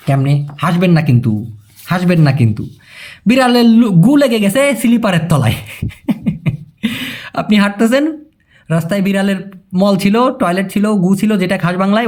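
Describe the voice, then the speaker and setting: Man, young adult, Bangladeshi accent, casual language lesson, chatty, very animated. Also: high-pitched. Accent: Bangladeshi Bengali. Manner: chatty, addresses viewers as brother, checks understanding. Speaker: language teacher.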